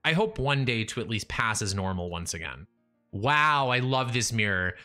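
His medium-pitched voice is very animated, pushed and bright, running at a normal speed over soft background music. A young man livestreaming a building game from his small home room, he talks casually to chat and himself via a studio mic in front of his face, with restarts and trailing thoughts. He notes that his voice is going.

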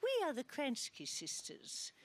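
A woman playing a prim, deadpan spinster sister from a small Australian country town, with an Australian accent and a lively, singsong pitch. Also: unhurried, over a noisy crowd, very noisy, exaggerated voice. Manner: prim, flat, obedient deadpan delivery.

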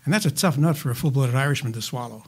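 An older man answering interview questions as a healthcare finance advisor, measured and statistic-heavy with frequent "uh" fillers and dry asides. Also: mid-range voice, darkish tone, slightly rough.

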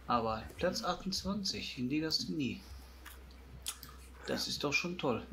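A man talking casually in a vlog, slow and steady in pace. Faint noise hums underneath the recording. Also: on the high side. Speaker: YouTuber.

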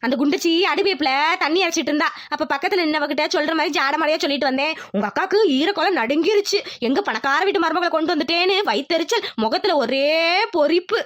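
A woman voicing a bossy, scheming village mother-in-law in a cartoon, talking quickly and insistently. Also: sits high, fairly bright tone. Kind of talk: cartoon voice acting.

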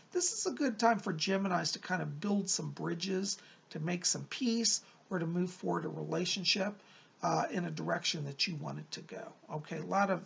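Middle-aged male psychic for mystical horoscope readings: very husky, heavy fry, encouraging, informal. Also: high-pitched, a bit bright. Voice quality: raspy, creaky. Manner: encouraging, advising the listener directly. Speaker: psychic medium presenting horoscopes. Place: small room at home, indoors.

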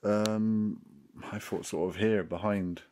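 A man's voice: lowish voice, fairly even intonation, takes it slowly, dark tone, a little hiss or hum. A man investigating a haunting, calling out to spirits and then hesitantly searching for words. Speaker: paranormal investigator.

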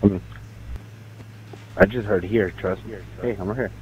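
A man chatting casually with friends over voice chat while gaming, excitable and swearing freely. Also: fairly low pitch, measured pace, a crowd in the background, low-quality recording. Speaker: gamer in group voice chat.

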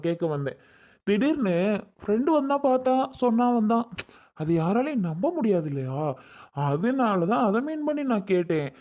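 A woman's voice: mid-range voice, dark tone, close to an everyday voice. A woman voicing a young husband who apologizes and then defends himself, in a home-made audio drama.

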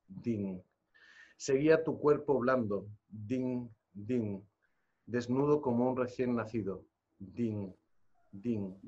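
A man moderating a live book presentation, speaking haltingly with fillers and reciting a poem solemnly. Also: mid-range voice, a little mellow. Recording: dull lo-fi event recording.

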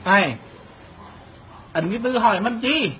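Man pulling a prank, high voice that leaps around, keeps cracking up, noisy background. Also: lively intonation, measured pace. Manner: keeps breaking into laughter while repeating himself. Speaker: prankster asking a neighbor for a wifi password. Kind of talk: hidden-camera prank chat.

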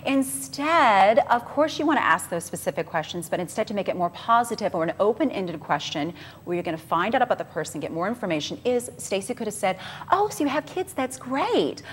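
A woman's voice: mid-range voice, lively intonation, fairly quick, fairly bright tone, long reverb tail, slight background noise. A woman in her thirties chatting as a dating coach in a TV interview, playful and emphatic, often repeating herself. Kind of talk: morning TV interview chat. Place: TV studio set, seated indoors. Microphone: lapel mic.

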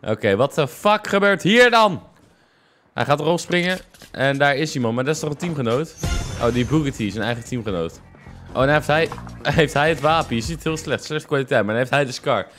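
A young man hosts a reaction video, firing off casual, exclamatory commentary peppered with English slang in an animated, brisk, medium-pitched and slightly bright voice. Faint music plays behind him. He wears a headset and speaks into a close desk microphone in a small furnished room at home.

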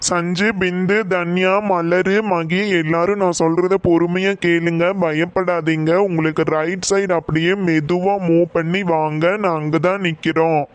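A cartoon father voiced by a man with a fairly high voice and a Coimbatore Tamil accent. He talks in a flat, steady tone, insistent and reassuring. His voice is smooth and sounds dry and close to the mic. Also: a little slow, few pauses, no echo, highs cut off. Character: caring father, warns the children. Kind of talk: cartoon voice acting.

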